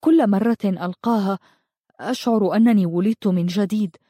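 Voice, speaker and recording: A woman voicing a gentle, earnest young man speaking tenderly in a read-aloud story. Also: medium pitch, brisk, dry recording, studio quality, lightly acted.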